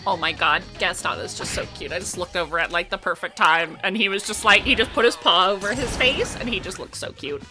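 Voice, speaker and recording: A woman giving casual let's play commentary as a video game streamer, excitable and prone to sudden shrieks and shouts. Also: mid-range voice, a little fast, hardly any pauses, over music.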